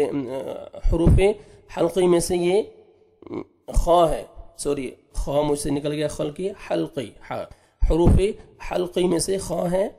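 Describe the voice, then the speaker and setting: Slow, patient man teaching Quran recitation. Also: a little high, creaky, dark tone. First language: Urdu. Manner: slow patient teaching, spelling out letters and sounds, drawn-out recited words.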